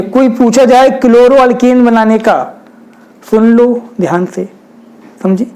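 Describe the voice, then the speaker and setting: A man's voice: very high-pitched, warm tone, low-quality recording. Man teaching chemistry, quizzing students. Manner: repeats rhetorical questions, addresses students directly. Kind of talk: whiteboard lecture.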